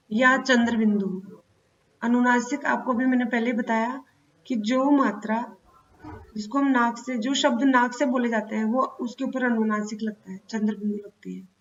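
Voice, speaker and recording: A woman teaching a children's grammar lesson, spelling out words slowly sound by sound. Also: on the high side. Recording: dull lo-fi sound.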